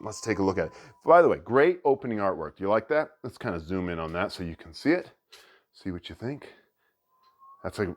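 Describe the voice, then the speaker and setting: A man hosting a board game channel, chatting excitedly as he unboxes a new game and thinks aloud. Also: sits low. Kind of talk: casual unboxing commentary.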